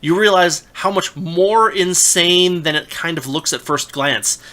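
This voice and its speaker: A young adult man in casual political talk, animated and incredulous, often restarting his sentences. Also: high-pitched, a little slow. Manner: animated, rising to loud incredulous emphasis; restarts and stammers mid-sentence. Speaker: podcast co-host.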